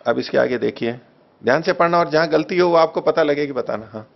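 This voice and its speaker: Gravelly man teaching patiently. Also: fairly high pitch. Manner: patient, slow, repeats phrases while checking wording. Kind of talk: text study class, reading and correcting a translation. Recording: dull lo-fi recording.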